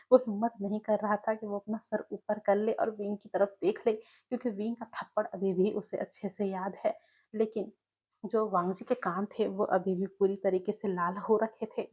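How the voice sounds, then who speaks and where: A woman's voice: medium pitch, a little mellow, slightly rough. A woman telling a fan fiction story in a casual, conversational way, talking to listeners.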